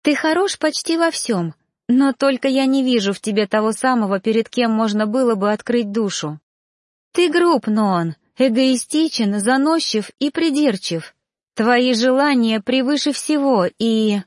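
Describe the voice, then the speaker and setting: A woman voicing a frightened, defiant young woman in a storybook reading, with high, breathless, pleading cries. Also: unhurried, a little mellow, dry recording, studio quality, lightly acted. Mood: cold.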